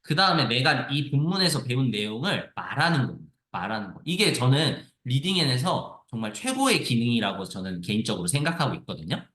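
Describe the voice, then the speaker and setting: Lively Korean man explaining in an echoey room. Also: medium pitch, a little fast, few pauses. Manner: lively explanatory, repeats phrases. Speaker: teacher demonstrating a reading app. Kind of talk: screen-share tutorial.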